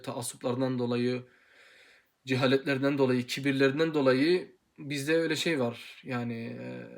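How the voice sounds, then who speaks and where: A man's voice: medium pitch, vocal fry. Earnest young man drilling syllables. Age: 20s. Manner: hesitant with many pauses and fillers. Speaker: Quran recitation teacher. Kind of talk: informal video lesson.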